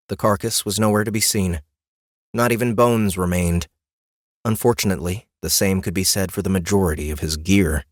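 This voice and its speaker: A male narrator with a low voice reads a fantasy audiobook in an expressive, deliberate storytelling style. The studio sound is very dry, with no room sound or echo.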